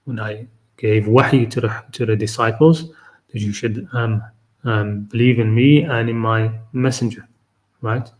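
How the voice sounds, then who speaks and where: Halting man thinking aloud, mid-pitched. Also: fairly even intonation. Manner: halting, frequent "um" and tag "okay?"; reasoning aloud, explaining to listeners. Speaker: host of a Quran reflection series. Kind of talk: unscripted live-stream reflection.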